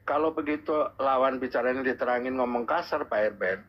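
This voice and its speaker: Husky guy on a dull lo-fi call, earnest and repeating his advice. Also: medium pitch, fairly quick. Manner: earnest, repetitive, advising. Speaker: caller in a live stream. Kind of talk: casual advice. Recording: husky muffled lo-fi call audio.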